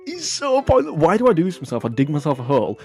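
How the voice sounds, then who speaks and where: Guy rambling on his comedy vlog, jumpy lively voice, swears a lot, laughs at himself. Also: a little high, very fast, faint music behind. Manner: rambling and self-mocking, swears often. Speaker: vlog host. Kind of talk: casual comedic vlog chat.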